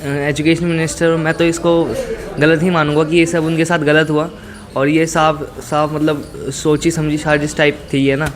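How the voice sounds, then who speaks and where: Young student, hesitant and casual. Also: male voice, a little high, level tone, unhurried, a crowd in the background. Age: young adult. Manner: hesitant, mixes in English words and trails off. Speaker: college student being interviewed. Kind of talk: casual street interview.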